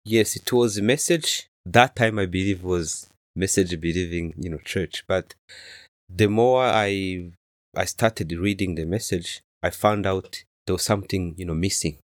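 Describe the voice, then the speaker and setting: A man in his thirties from Rwanda, a native Kinyarwanda speaker, answering interview questions softly and hesitantly with many fillers. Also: sits low, a little slow, dry recording, clean studio sound. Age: 30s. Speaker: interview guest.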